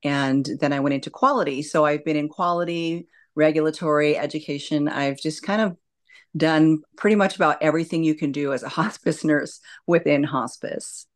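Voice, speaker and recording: Low-pitched woman, reflective interview guest. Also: steady tone, moderate pace. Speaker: hospice nurse and educator, interview guest. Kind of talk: conversational interview answers.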